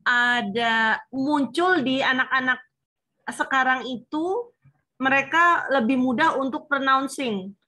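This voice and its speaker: A woman's voice: sits high, takes it slowly, sharp tone. A woman supervisor advising a student on her thesis plan, explaining patiently with frequent fillers. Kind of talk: online thesis consultation.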